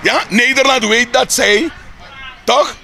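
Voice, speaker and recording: A man's voice: very high voice, slow, gravelly, bright, forceful tone, some chatter behind. A man from Suriname with a Surinamese Dutch accent, speaking heatedly in a street interview, asking rhetorical questions and repeating words as he builds his points.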